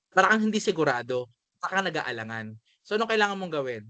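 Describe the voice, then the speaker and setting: A man's voice: fairly high pitch, pushed and bright, no echo. A man with a Filipino accent gives a lecture, mixing Tagalog and English and often checking in with listeners by asking "di ba?". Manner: conversational, keeps asking "di ba?", switches between Tagalog and English. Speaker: teacher. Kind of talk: spoken lecture.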